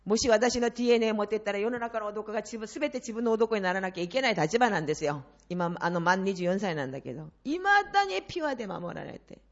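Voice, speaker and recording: A middle-aged woman preacher giving an impassioned sermon to a congregation, swinging between hushed and loud passages. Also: medium pitch, animated, fast, few pauses. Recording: slightly dull lo-fi sound.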